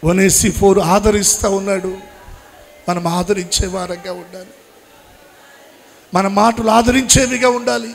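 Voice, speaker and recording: A man with a notably high voice leads his congregation in an emotional sermon and prayer. He pleads in repeated phrases, swelling in force and then sinking low and quiet. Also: fairly even intonation, unhurried, vocal fry, long pauses. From Andhra Pradesh, India. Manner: pleading, repetitive, rising and falling in intensity. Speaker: pastor.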